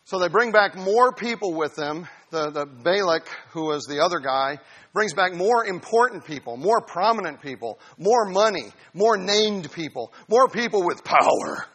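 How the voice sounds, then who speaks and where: A male preacher giving a sermon, telling a Bible story with lively humor. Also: high voice, normal speed, slightly rough. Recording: reverberant hall.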